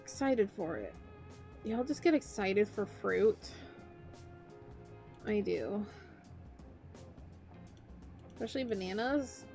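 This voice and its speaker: A young woman streaming as a VTuber, rambling playfully and chasing excited little tangents in casual chat. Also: mid-range voice, slow pace, long pauses, soft background music.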